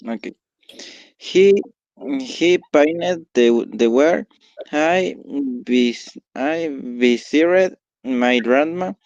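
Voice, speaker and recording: Hesitant male student reader, slow, dull dry recording. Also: on the high side, a little mellow, no room sound. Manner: hesitant reading with restarts. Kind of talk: reading practice sentences aloud.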